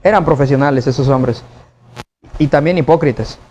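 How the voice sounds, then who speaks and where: A man's voice: mid-range voice, normal speed, a little mellow. A man preaching a sermon to his congregation, in a conversational style full of rhetorical questions. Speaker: pastor. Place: church.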